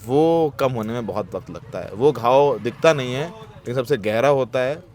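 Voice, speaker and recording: A man's voice: medium pitch, lively intonation, normal speed, darkish tone, slight background noise. A man, a ground reporter, closing his piece to camera in an earnest, reflective and emotionally moved way. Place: outdoors at a protest site.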